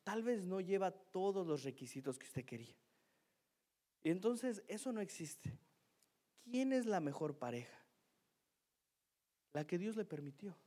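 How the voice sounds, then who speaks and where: A male pastor preaching in a loose, chatty way, poking fun at his own mistakes. His voice sits a little high for a man, and he keeps tagging his lines with a quick "¿no?". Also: big pitch swings, warm tone. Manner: self-mocking, chatty, keeps asking "¿no?". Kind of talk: sermon with a humorous personal story.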